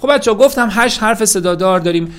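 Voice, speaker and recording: A man's voice: sits high, expressive, fairly bright tone. A man teaching a language lesson with lots of energy, talking to his students directly and repeating key words for emphasis.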